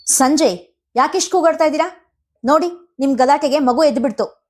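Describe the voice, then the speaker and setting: A scornful sister-in-law, sharp-tongued and loud, firing off high, rapid rebukes, as a woman reader puts her on. Her voice climbs high and stays forceful. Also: close to an everyday voice. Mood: scolding. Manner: sharp, scolding, high-pitched.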